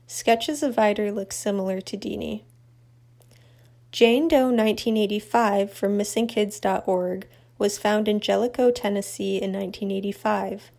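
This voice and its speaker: A woman narrating a true crime update in an even, matter-of-fact scripted read. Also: mid-range voice, moderate pace, gravelly.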